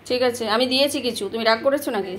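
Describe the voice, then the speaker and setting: A woman's voice: fairly high pitch, rapid-fire, crowd noise. A woman in her thirties with a Bengali accent, chatting casually in a home vlog, rambling and coaxing her child while she cooks. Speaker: vlogger, mother. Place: home kitchen.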